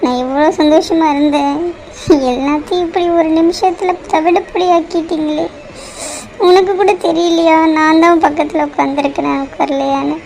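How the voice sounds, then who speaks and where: Woman doing a distraught young cartoon woman, very high voice, wailing, pleading. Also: steady tone, normal speed, vocal fry, a little mellow, slight background noise, poor audio. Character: distraught young woman begging her family. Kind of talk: cartoon drama voice acting.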